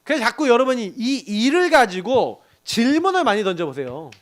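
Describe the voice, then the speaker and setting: A middle-aged man preaching to a young adults group, telling animated stories and often laughing. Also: very high-pitched, fairly quick. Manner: animated storytelling with laughs and acted quotes. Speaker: pastor.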